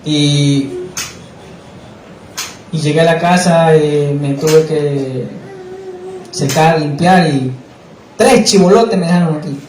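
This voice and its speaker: A man giving an emotional personal testimony in a church, halting and repeating words as he tells his story. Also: fairly high pitch, a little mellow. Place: church hall. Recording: echoey room, distant mic, faint noise.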